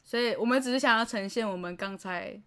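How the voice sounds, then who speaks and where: Woman, Taiwanese Mandarin accent, podcast co-host, giggly storyteller, high voice, rapid. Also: a bit bright, clear, resonant tone. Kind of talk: casual chat.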